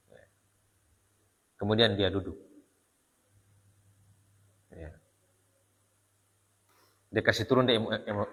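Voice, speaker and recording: A man with a lowish, pushed, bright voice preaches a sermon built around storytelling. He tells it with animation, asking rhetorical questions and often saying "ya." A long hall reverb trails his words.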